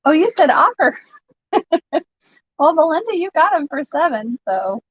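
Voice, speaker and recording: A chatty woman runs a live vintage sale, laughing often as she talks. Her voice sits fairly high and she takes her time. The stream audio is dull and lo-fi, with a dry, close sound. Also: very animated, measured pace, fairly bright tone. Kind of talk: casual live-stream selling chat.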